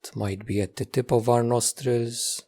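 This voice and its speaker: A man with a medium-pitched, slightly rough voice guides a meditation as its teacher. He gives gentle instructions calmly and deliberately, repeating phrases and leaving long pauses.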